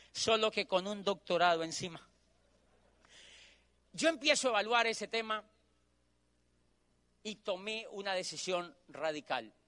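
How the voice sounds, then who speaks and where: A middle-aged Colombian man with a Colombian accent, telling a personal story in a motivational talk. He is animated and repeats phrases for emphasis. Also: high voice, clear, resonant tone. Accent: Colombian Spanish. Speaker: motivational speaker.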